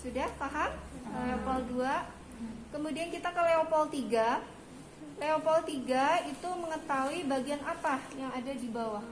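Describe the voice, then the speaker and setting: Woman teacher walking students through an exam, fairly high voice, noisy echoey room. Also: measured pace. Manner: explains step by step, checking students understand. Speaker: midwifery instructor. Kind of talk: hands-on clinical demonstration. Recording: echoey room with background noise.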